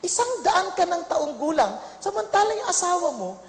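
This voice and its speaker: A woman's voice: extremely high pitch, big pitch swings, normal speed. A woman preacher telling a Bible story to a congregation in a playful way, often laughing and asking them questions. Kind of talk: humorous Bible storytelling sermon. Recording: echoey hall with long reverb.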